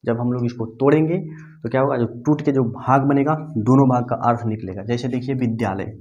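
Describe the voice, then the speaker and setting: A man gives a grammar lesson in an even, mid-pitched voice, the way a teacher talks at the board. He poses a question, then answers it himself, and spells out definitions slowly so they can be copied down. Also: lo-fi sound. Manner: repeats questions to students and answers them himself; dictates slowly for note-taking.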